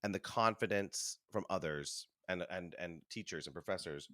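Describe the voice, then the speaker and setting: Guy in his 30s on a podcast, low voice, chewing while he chats, dry close sound. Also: moderate pace, no room sound. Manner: animated storytelling, acts out voices, chuckles. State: chewing food while talking. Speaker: interview guest, Broadway performer. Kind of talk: casual conversational interview.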